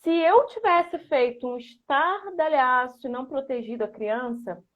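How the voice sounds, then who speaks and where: A woman explaining how young children learn and telling a family anecdote in an animated, conversational way. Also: high voice, measured pace. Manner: animated, lots of "né".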